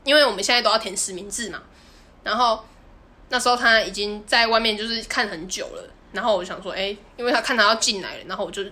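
A woman's voice: mid-range voice, quick pace, pushed and bright. A woman, co-hosting a podcast and animatedly telling a story, often laughing and acting out the people in it. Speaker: podcast co-host. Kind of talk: casual storytelling chat.

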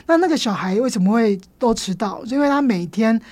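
A woman with a Taiwanese Mandarin accent, a teacher telling stories as a podcast guest in an expressive way. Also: a little high, fairly quick, dry recording. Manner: lively, expressive storyteller. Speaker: guest, elementary school teacher. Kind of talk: storytelling in a podcast interview.

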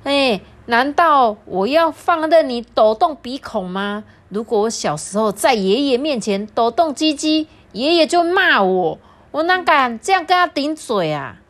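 A woman's voice: medium pitch, lively intonation, slow. A woman voicing a father who teases and scolds his young son in a mock-stern way, for a read-aloud children's story. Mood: scolding. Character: teasing, grumbling father of a young boy.

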